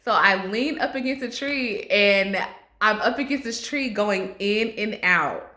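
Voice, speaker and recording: A young woman telling a storytime vlog, animated and laughing often as she acts out her own panic. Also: medium pitch, unhurried, roomy sound. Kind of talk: casual storytime.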